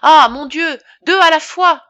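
A woman's voice: a little high, sing-song, unhurried, a bit bright, highs cut off, voice pushed up. A woman voicing a flustered country doctor, a man, who calls out in alarm. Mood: panicked. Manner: alarmed, calling out.

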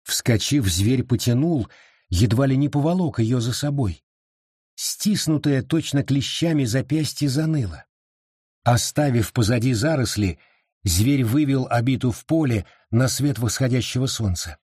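Husky male audiobook narrator. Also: medium pitch, animated, measured pace, a little mellow, dry recording, studio quality. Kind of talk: scripted narration.

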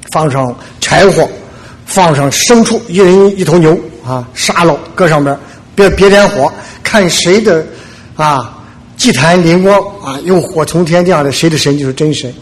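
A man's voice: on the high side, close to an everyday voice. A male preacher voicing a bold male prophet who challenges his rivals, speaking plainly with filler "ah".

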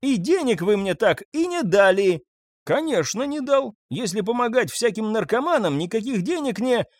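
A man's voice: high-pitched, sing-song, normal speed, dry recording, studio quality, voice pushed up. A man playing a sneering, nosy male neighbour who drawls his jabs.

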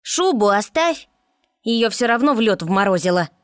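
A woman's voice: fairly high pitch, very animated, normal speed, no echo, clean studio sound, voice pushed up. A woman reading an audiobook voices a bossy, scolding female water spirit in a raised voice. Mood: commanding.

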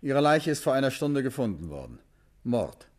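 In a 1950s radio play, an actor portrays a composed gentleman detective. His medium-pitched voice is calm, measured and quietly ironic, only lightly acted.

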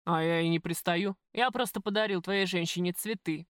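A woman voicing a calm, sober male gangster who speaks evenly and politely. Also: fairly low pitch, moderate pace, no room sound, studio quality, natural voice.

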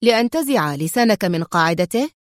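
A woman's voice: medium pitch, lively intonation, brisk, dry recording, studio quality, close to an everyday voice. A woman voicing a bold male hero who answers with mocking defiance. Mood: defiant mocking.

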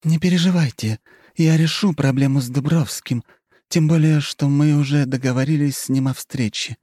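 A man's voice: on the high side, fairly even intonation, moderate pace, warm tone, dry recording, voice pushed up, natural voice. Brief: scheming noblewoman, teasing and coy, mock sighs; male reader puts on a raised voice, dry studio. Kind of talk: audiobook character reading.

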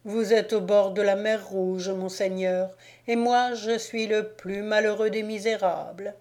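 A woman reading aloud as a miserable old devil in disguise, groaning and begging, slow and mellow, dark warm tone from the storybook. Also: mid-range voice, lightly acted. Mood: wheedling. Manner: pleading, groaning, self-pitying. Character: whining wretched male devil disguised as old slave. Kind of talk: audiobook reading.

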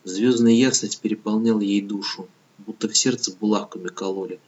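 A man reading an audiobook novel in calm, measured scripted narration, on a dull lo-fi recording. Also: fairly low pitch.

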